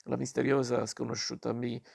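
A man reading a novel aloud, in slow and measured reading with small slips. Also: medium pitch, flat delivery, creaky, darkish tone, husky. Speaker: reader.

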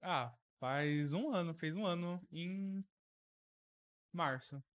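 A man's voice: fairly high pitch, takes it slowly, smooth. An eighteen-year-old man with a Brazilian Portuguese accent, answering casually and plainly as a podcast guest. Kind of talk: casual interview chat.

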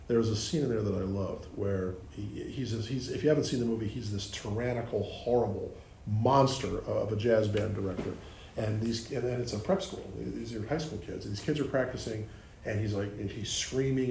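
A man's voice: on the low side, vocal fry, dark tone, slight background noise. A man leading a group Bible study, explaining the text with restarts and questions to the group. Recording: echoey room with faint ambience.

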